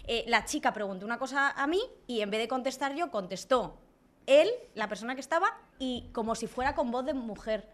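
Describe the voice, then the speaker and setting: Spanish woman co-host, high and quick-talking, lively anecdotes full of swearing. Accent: Spain Spanish. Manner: animated storyteller, swears freely. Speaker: podcast co-host. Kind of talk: casual chat.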